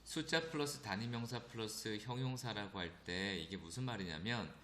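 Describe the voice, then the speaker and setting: Man, very low voice, grammar lecture, checks in with students, roomy echo. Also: fairly bright tone. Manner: addresses students often, frequent "그죠?" check-ins; slow, drawn-out reading of English examples. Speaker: English teacher. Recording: echoey room with faint noise.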